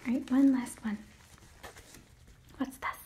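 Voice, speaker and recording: A young woman in her twenties with a Midwestern American accent, doing a gentle, coaxing whispered role-play as a school nurse, close to the mic. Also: sits high, fairly even intonation, slow pace. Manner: gentle, coaxing, as if tending a child. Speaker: ASMR performer playing a school nurse. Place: small indoor room set up as an office.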